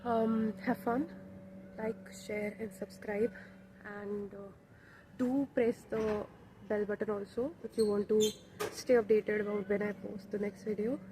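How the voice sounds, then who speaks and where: Unhurried and level, a mid-range female voice chats in a casual vlog, alternating between Hindi and English with an Indian accent. The young vlogger records on a phone at arm's length while out walking and on a rooftop terrace, against a noisy background.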